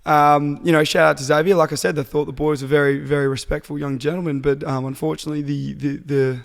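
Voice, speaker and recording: A young-sounding Australian man with a slightly high voice chats casually on a podcast, easygoing and quick to laugh. His voice carries a long reverb from the room. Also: flat delivery, vocal fry. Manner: laid-back storytelling, laughing often. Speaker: podcast co-host. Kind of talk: casual chat.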